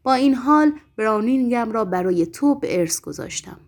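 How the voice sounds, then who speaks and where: Behemoth, a gruff talking tomcat, as a woman puts him on. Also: a little high, lively intonation. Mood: dying lament. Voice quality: rough, gruff voice. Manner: melodramatic, self-pitying.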